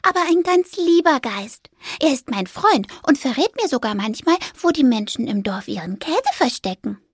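A woman voicing a shy, gentle little mouse in a children's story, with a high, squeaky, timid voice. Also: big pitch swings, normal speed, husky, no room sound, clean studio sound, exaggerated voice. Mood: gentle, eager.

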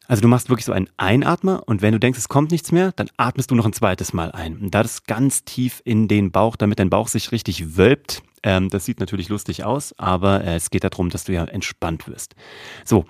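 A man hosting his own podcast, giving lively, chatty coaching tips on using the voice, with a few fillers along the way. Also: on the low side, no echo, studio quality. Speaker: podcast host.

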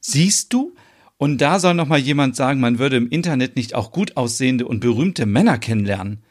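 A man's voice: medium pitch, animated, brisk, natural voice. A man voicing a flustered middle-aged woman who is naive about online dating, speaking hesitantly and stammering as she gets embarrassed, in a podcast soap opera. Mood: excited.

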